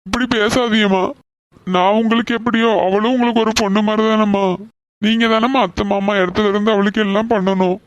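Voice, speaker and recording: A woman doing a gentle, patient cartoon son. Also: medium pitch, fairly even intonation, brisk, dry recording, muffled recording, pitched below the performer's own voice, lightly acted. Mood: gentle reasoning. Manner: soothing, patient, persuasive. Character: calm young man, gentle reasoning son. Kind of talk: cartoon voice acting.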